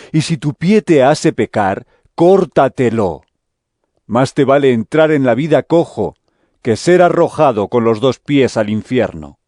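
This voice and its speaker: An actor playing Jesus in an audio drama, a solemn, authoritative yet gentle male teacher speaking in measured phrases. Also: mid-range voice, dry recording, studio quality, close to an everyday voice.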